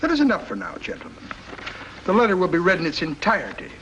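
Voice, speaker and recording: An actor playing a smug, scheming foreign diplomat in a 1950s radio drama. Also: male voice, high-pitched, wildly swooping pitch, fast, lo-fi sound, noisy background. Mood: taunting. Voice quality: smug, mocking.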